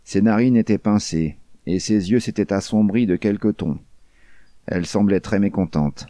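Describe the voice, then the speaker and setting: A man reading a first-person crime novel aloud in a measured, deadpan way. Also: on the low side, dry recording. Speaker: audiobook reader.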